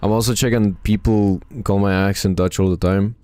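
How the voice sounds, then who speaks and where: With slight background noise behind him, a Czech-accented man from Czechia relaxes into casual chat with viewers during a live game stream. At normal speed and in a lowish voice, he reads messages aloud, mumbles short asides, and repeats brief phrases.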